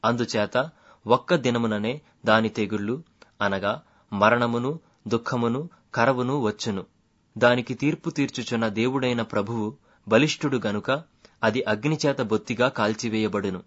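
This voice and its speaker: A man reads scripture aloud in a measured, solemn recitation. His pitch sits in an ordinary middle range. The recording sounds dull and lo-fi. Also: fairly bright tone. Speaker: Bible reader.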